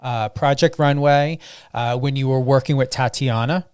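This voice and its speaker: A man's voice: mid-range voice, fairly even intonation, normal speed, a little mellow, clean tone, dry recording, clean studio sound. A man hosting an interview, talking with enthusiasm and lavish praise for his guest. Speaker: host.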